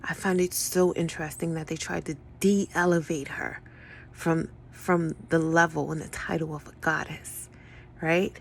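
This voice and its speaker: A woman's voice: sits low, little pitch movement, a little slow, gravelly, slight background noise. A woman in a casual spoken monologue, sarcastic and profane, rambling through tangents and correcting herself mid-sentence. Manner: frequent self-corrections and tangents.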